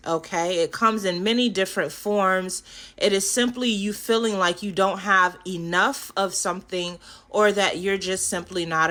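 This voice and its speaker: A woman doing a spiritual card reading for her viewers, affirming and animated, often checking in with "okay?" and yawning now and then. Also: medium pitch. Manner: animated, affirming, frequent "okay?" tag questions. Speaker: tarot and oracle card reader.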